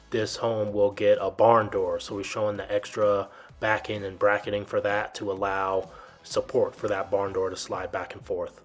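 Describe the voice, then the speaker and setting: A man with a fairly low voice narrates a walkthrough video as a builder's guide. His delivery is fairly even, plain and instructive, with informal phrasing. Music plays clearly behind him. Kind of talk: explanatory video tour narration.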